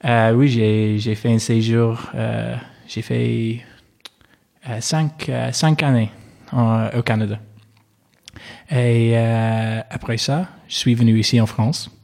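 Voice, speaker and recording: In a casual interview, a young Englishman in his twenties takes his time speaking French as a learner, his English accent clear. His medium-pitched, darkish voice is steady with vocal fry, and he hesitates often, filling pauses and repeating "yes".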